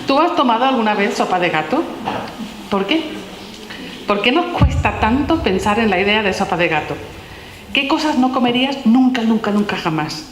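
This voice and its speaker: An author presents her book at a public talk in a large, echoey hall, reading aloud questions from a children's philosophy book in a medium-pitched voice. She asks a steady flow of gentle questions, and the recording has long reverb plus a little hiss or hum.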